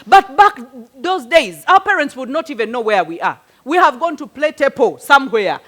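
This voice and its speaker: Speaking to a group about parenting, this woman gives lively advice in a high voice at a moderate pace. She weaves in stories and rhetorical questions, and her native tongue is a local language rather than English.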